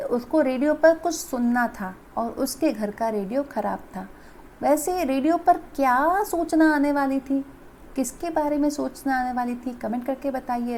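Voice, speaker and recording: A woman's voice: sits high, a little mellow, a little hiss or hum. A woman teacher explaining a story to children and quizzing them with countdowns. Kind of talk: children's Hindi lesson, reading a story.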